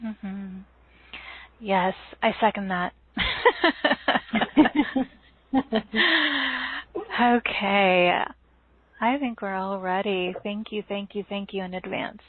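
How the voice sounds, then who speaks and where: A woman hosting a casual spiritual talk, speaking at an unhurried pace. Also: medium pitch, steady tone. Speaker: host. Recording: tinny, dry phone-like audio.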